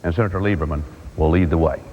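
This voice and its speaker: A man giving a measured formal speech as a senator in a large chamber, pausing often with fillers, heard from a worn tape copy. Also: deep voice, in a large hall, lo-fi sound, a little hiss or hum. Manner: measured, halting with frequent fillers. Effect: worn VHS tape copy.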